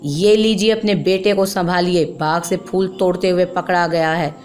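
Woman voicing a vengeful, shouting gardener. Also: on the low side, steady tone, moderate pace, lightly acted. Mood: angry. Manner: bitter, shouting. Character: angry, vengeful male gardener.

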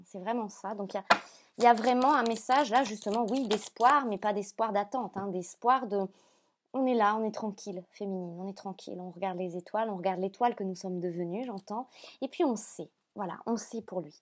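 A French woman giving a spiritual card reading to the viewer, speaking softly and hesitantly, often repeating phrases with many fillers. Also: medium pitch. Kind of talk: channeled reading, addressing viewer.

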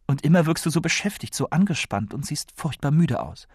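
A man's voice: fairly high pitch, animated, brisk, a little mellow, slightly rough, no room sound, studio quality, pitched above the performer's own voice. A man voicing a worried, probing woman. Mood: pleading, earnest. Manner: pleading, probing questions. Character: worried, insistent woman questioning a boy.

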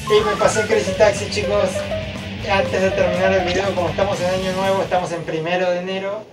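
Guy with a high voice hyping himself up playing a motion game, chants and yells, loud game music blaring. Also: flat delivery, fairly quick, rough recording. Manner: loud, chanting repeated cheers while moving. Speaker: gamer filming himself. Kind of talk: excited gameplay commentary.

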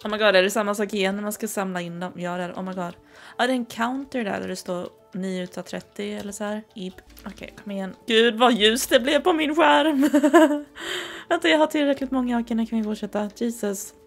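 A chatty young woman from southern Sweden talks through her gameplay, giggling often and gushing over what she sees. Her voice carries a gravelly, creaky texture at a middle pitch. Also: soft background music. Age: 20s. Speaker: gaming streamer. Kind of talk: casual gameplay commentary.

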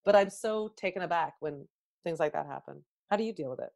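A woman's voice: lowish voice, a little fast, vocal fry, a little mellow. A woman hosting a podcast, chatting casually and asking supportive questions. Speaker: podcast host. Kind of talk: casual interview chat.

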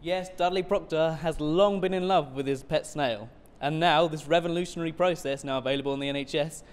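Parody news reporter, young male actor: higher voice, unhurried scripted delivery, reverberant. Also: close to an everyday voice. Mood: earnest. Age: young adult. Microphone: handheld microphone.

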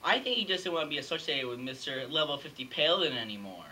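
A man's voice: a little high, expressive, fast talker, sharp tone, low-quality recording. A young man playing a vain, huffy fashion snob in an amateur comedy sketch, speaking in a haughty, indignant way. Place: room in a house. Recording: home room, faint background noise.

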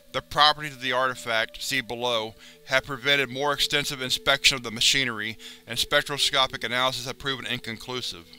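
A man reading a wiki entry aloud as a narrator, in a steady, formal, clinical way. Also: mid-range voice, smooth.

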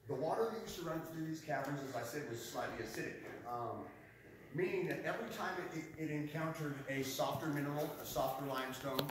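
Echoey, distant male tour guide. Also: fairly high pitch. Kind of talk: informal guided tour narration to a group. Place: underground cavern with narrow passages. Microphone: visitor's handheld phone, several metres away. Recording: echoey cave, distant phone mic, faint noise.

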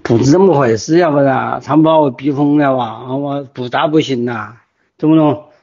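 A man's voice: medium pitch, normal speed, a little mellow, dull audio. An older man with a Wuhan accent leaving a recorded phone voice message, agitated and desperate, repeating himself as he pleads and threatens. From Wuhan, China. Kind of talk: voice message left for officials.

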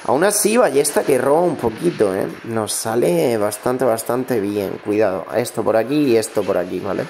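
A man from commenting on his own game in a quiet, soft-spoken voice, breaking out in excitement at big plays. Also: medium pitch, moderate pace, creaky, slight background noise. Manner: talks quietly and a little oddly, ASMR-style. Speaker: gaming streamer.

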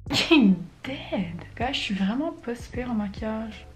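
A woman's voice: on the high side, normal speed. A young woman with a Quebec French accent talks through her routine in a loose, chatty way, slipping in English slang and the odd swear. Her voice bounces around a roomy space, with faint music underneath. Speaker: beauty vlogger. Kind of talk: casual get-ready-with-me chat. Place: at home in front of a mirror.

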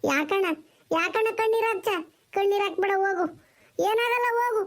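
Woman as a kind village housewife, very high voice, soothing. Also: a little fast. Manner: soothing, hospitable. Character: kind village housewife comforting her brother.

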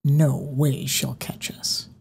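Woman voicing a secretive middle-aged dad in an audiobook, hushed and guarded, husky low. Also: little pitch movement, takes it slowly, heavily acted.

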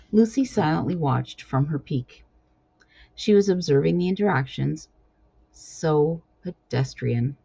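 A woman reading her own cat storybook aloud with expressive storytelling. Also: deep voice, gravelly, breathy edge. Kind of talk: storybook narration. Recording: dull lo-fi recording.

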